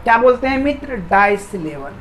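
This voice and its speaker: A woman's voice: a little high, big pitch swings, fairly quick, a little hiss or hum, low-quality recording. A woman teaching an English grammar lesson who repeats key words and keeps asking her viewers questions. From India. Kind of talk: explaining a lesson.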